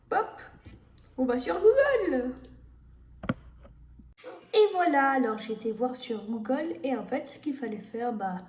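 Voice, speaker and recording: A woman's voice: high voice, darkish tone. A woman giving casual gameplay commentary, thinking aloud with many fillers and talking to her viewers. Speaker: gamer streamer. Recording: echoey room with faint noise.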